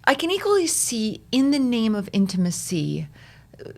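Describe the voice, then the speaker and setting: A woman's voice: on the high side, big pitch swings, normal speed. A woman in her forties talking frankly as a podcast guest, laughing often and swearing freely. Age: 40s. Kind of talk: candid casual conversation.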